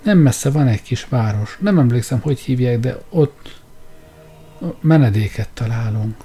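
A man voicing a bold, scornful male engineer who speaks forcefully. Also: mid-range voice, expressive, husky. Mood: urgent. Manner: brash and forceful.

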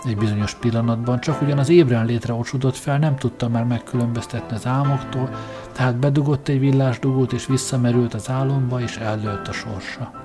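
A man's voice: medium pitch, steady tone. Male storyteller reading over music. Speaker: audiobook narrator. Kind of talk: scripted story narration.

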